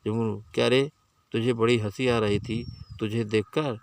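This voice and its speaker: A man's voice: medium pitch, fairly even intonation, measured pace, a little hiss or hum, lightly acted. A man voicing a skinny village barber who grows furious and threatens his tormentors. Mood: angry. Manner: angry muttering, threatening. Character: skinny timid village barber turned enraged strongman.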